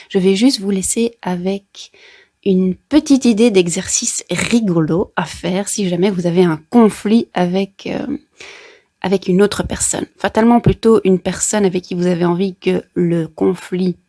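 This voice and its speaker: A woman's voice: medium pitch, dark tone, breathy edge. Playful woman with a Brussels French accent. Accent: Brussels Belgian French. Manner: playful, chatty, with colloquial asides and sound effects. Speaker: therapist and astrology vlogger. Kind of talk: casual explanatory video talk to viewers.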